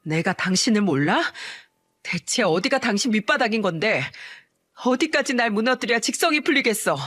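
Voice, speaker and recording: A woman's voice: fairly high pitch, animated, normal speed, a bit bright, dry recording, studio quality. A woman voicing a hurt, furious middle-aged mother who cries out against her husband, in a told family story. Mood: anguished. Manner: pleading, raised voice.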